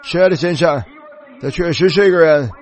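A man preaching a fervent sermon, retelling scripture scenes and rising to shouts. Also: a little high, normal speed.

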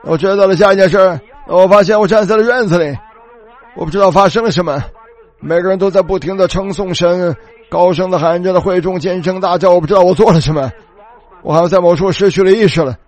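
A male preacher telling a story in a sermon, animated and repetitive, retelling dialogue as he goes. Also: sits high, fast talker.

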